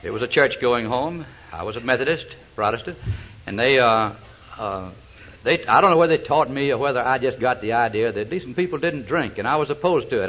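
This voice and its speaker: Folksy man telling his story. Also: mid-range voice. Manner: folksy storyteller, frequent uh's. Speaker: recovery meeting speaker. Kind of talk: personal testimony talk with jokes. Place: meeting hall platform. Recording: dull lo-fi recording.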